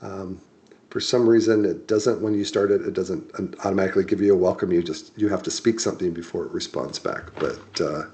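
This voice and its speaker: Low-voiced man walking through code. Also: fairly quick. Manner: relaxed, many ums and restarts while explaining. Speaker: software tutorial instructor. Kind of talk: screen-share coding walkthrough.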